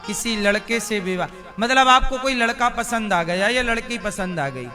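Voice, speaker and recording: A man's voice: sits high, moderate pace, bright, forceful tone. A man preaching a devotional sermon, asking the listeners questions and answering them himself. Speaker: spiritual preacher. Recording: music playing under the voice.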